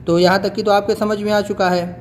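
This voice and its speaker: Man, higher voice, patient teacher, drills sounds over and over, faint hiss behind. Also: level tone. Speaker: Quran reading teacher. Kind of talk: explanatory lesson.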